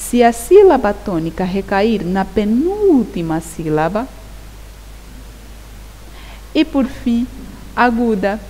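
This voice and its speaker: Slow, lively-voiced woman teacher in a reverberant room. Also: medium pitch. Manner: slow, deliberate, repeats key words and asks "Perceberam?". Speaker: primary school teacher. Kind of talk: classroom grammar lesson. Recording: long reverb with faint hiss.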